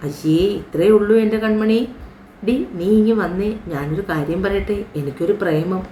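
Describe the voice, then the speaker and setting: A woman's voice: mid-range voice, normal speed, warm tone, a little hiss or hum, close to an everyday voice. A woman voicing a chatty young female friend with a playful, confiding manner, recorded in a roomy room. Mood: teasing.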